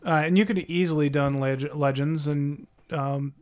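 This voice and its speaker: A man with a slightly higher, smooth voice talks in a relaxed, wry way. He co-hosts a casual podcast chat and swears now and then. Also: moderate pace. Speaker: podcast co-host. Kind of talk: casual chat about card games.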